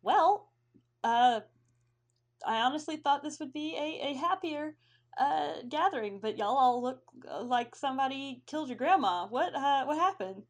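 A towering, friendly male dragonborn warrior, voiced by a woman, greeting travelers with loud, rising cheer. His voice sits high and swings wide, jovial and hospitable. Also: expressive, moderate pace.

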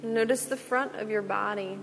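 A woman teaching yoga, giving slow, gentle relaxation cues with long pauses. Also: medium pitch, fairly even intonation, slight background noise. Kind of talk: guided relaxation instruction. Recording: long reverb with soft music.

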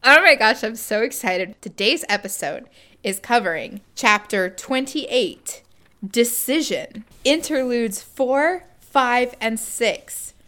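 A woman co-hosting a book podcast, chatting excitedly and laughing easily with her sister. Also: a little high. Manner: excitable, gushing, quick to laugh. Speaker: podcast co-host. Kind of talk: casual chat.

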